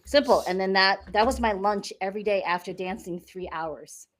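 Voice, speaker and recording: A woman's voice: mid-range voice, moderate pace. A middle-aged woman from the United States, a podcast guest chatting casually and explaining things step by step with a few fillers. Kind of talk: casual interview chat.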